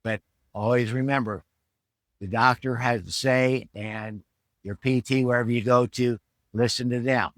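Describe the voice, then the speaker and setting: A man's voice: medium pitch, fairly even intonation, measured pace, fairly bright tone, no echo. Older man in his seventies, dry close sound. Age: 70s. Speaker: fitness trainer and rehab vlogger. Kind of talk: informal instructional vlog talk. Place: at home.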